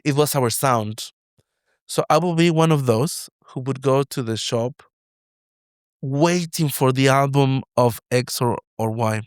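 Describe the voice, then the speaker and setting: A Mexican-accented man hosts an interview podcast, leading into his questions with long personal stories. His voice is smooth and resonant. The sound is close and dry. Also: mid-range voice, measured pace, no room sound. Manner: expansive, storytelling questions. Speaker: podcast host. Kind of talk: casual interview.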